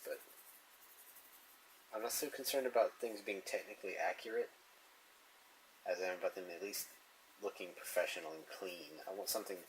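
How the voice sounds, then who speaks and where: A man's voice: sits low, slight background noise, poor audio. A man musing and chuckling to himself as he draws, talking casually about comics and his sketch. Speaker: artist drawing on camera. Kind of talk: casual narration while drawing.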